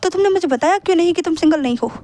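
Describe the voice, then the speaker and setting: A woman's voice: very high-pitched, expressive, very fast, warm tone, voice pushed up. A woman voicing a proud, hot-headed young man who protests indignantly in a fan-fiction story. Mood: annoyed.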